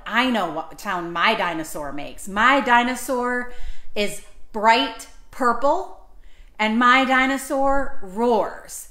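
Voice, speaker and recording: With a high voice and a fairly bright tone, a woman leads a children's storytime, reading picture books aloud and inviting the kids to participate. She sits indoors with the books on her lap before a camera, and the recording sounds roomy.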